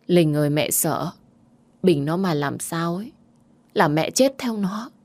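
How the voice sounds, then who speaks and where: A woman's voice: on the low side, expressive, measured pace, a little mellow, no room sound. Woman voicing a weeping older mother. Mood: sobbing. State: crying.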